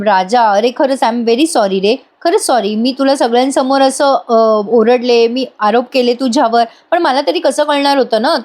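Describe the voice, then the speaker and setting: A woman's voice: high voice, darkish tone, lightly acted. A woman voicing a young heroine who apologizes earnestly to a close friend, in a voice-over retelling of a TV serial. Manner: pleading and emotional.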